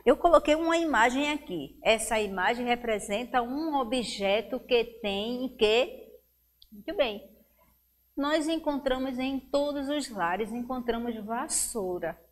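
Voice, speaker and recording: A woman teacher with a Brazilian Portuguese accent speaks at an unhurried pace in a slightly high voice. She stretches out each word slowly and clearly as she sounds out syllables for young children in a televised lesson. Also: animated. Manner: slow, clear, drawn-out syllables when sounding out words. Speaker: primary school teacher.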